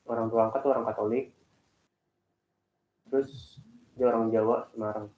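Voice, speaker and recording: A young man chatting casually with classmates, rambling and animated as he tells about his family. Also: mid-range voice, normal speed. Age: young adult. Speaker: student in group discussion. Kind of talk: casual chat. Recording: echoey, phone-like call audio.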